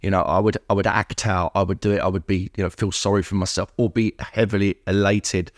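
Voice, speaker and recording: A man's voice: low-pitched, steady tone, brisk, dry recording, studio quality. A man as a podcast guest, speaking candidly about recovery, with many restarts and fillers in an earnest, searching way.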